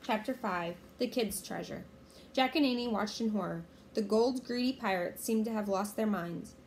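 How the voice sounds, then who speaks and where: A woman reading a children's chapter book aloud in a clear, steady storytelling manner. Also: mid-range voice, moderate pace, a little hiss or hum.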